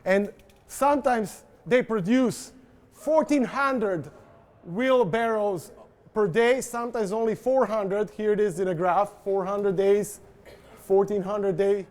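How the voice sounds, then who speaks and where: Male presenter, high voice, casual joking delivery, talks straight to the audience. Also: slow pace, a little mellow. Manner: informal, joking, addresses audience directly. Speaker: industry presenter. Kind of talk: conference presentation. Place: event presentation.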